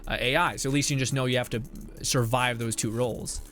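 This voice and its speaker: A man's voice: medium pitch, steady tone, a little fast, a bit bright, soft background music. A young man streaming a game, chatting casually, laughing often and reading chat messages aloud. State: out of breath at times. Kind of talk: casual live-stream commentary.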